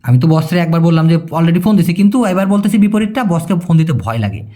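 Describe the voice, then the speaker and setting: A man giving a casual language lesson, patiently repeating phrases slowly and asking if it is clear. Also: a little high, animated, dark tone. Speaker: language teacher.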